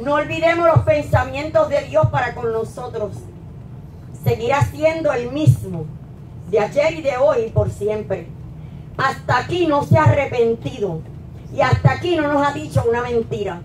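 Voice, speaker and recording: Lady pastor preaching at the pulpit, handheld mic, echoey hall, faint noise behind. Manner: preaching, rising to emphatic peaks then dropping low. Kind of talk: sermon. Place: small church hall, at a wooden pulpit. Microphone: handheld mic, filmed from a distant camera. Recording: echoey church hall from far off.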